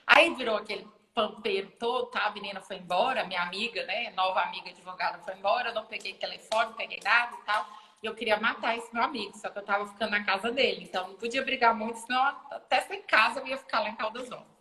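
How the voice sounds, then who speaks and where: A woman who is a lawyer and university lecturer appears as a guest on a live video chat streamed from a phone or laptop, telling a story casually and fast. She sounds bright, sharp and animated, acting out other people's lines with big pitch leaps. The room is echoey, with a long reverb tail.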